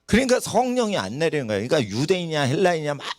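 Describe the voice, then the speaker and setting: Animated preaching man. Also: on the high side, very fast, dry recording, studio quality. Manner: animated, rhetorical questions to the congregation. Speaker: pastor. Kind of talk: sermon. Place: church sanctuary.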